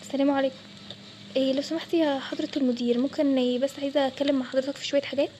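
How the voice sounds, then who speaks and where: A woman's voice: high voice, fairly even intonation, racing, background noise, lightly acted. A woman with an Egyptian Arabic accent voicing an exasperated young bank clerk in a toy role-play story. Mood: annoyed. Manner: exasperated, snapping back.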